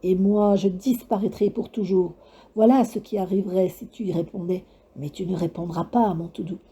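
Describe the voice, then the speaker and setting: A woman voicing a cruel, taunting, ancient skeletal witch in a storybook reading, slow and mocking in a sing-song way. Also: medium pitch, steady tone, warm tone, husky. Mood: whispering.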